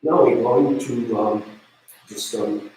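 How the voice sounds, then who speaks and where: A man with a Japanese accent giving an online university lecture in English, halting and full of fillers as he searches for words. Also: mid-range voice, a little mellow, roomy sound, a little hiss or hum, low-quality recording. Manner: hesitant, many fillers and restarts.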